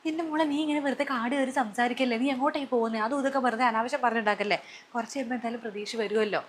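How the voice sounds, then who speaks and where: A woman plays a worried, middle-aged mother in a family skit. She talks fast and a little high as she pleads and soothes. There is faint noise behind her. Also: close to an everyday voice. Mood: soothing.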